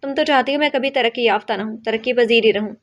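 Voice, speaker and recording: A naive, nosy young woman who wants to know everything and pouts when left out, as a woman reading a novel aloud puts her on. Her voice is slightly high with a dull, lo-fi sound. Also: a bit bright, natural voice. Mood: sulky. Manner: naive, inquisitive. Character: innocent, curious young woman, sulky when teased. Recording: dull lo-fi audio.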